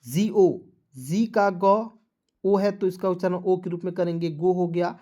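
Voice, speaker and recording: A man teaching an online lesson. He breaks words apart letter by letter and keeps checking with viewers whether it is clear. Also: sits high, steady tone, a little slow, dark tone. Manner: addresses viewers as friends, asks for likes. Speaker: English teacher.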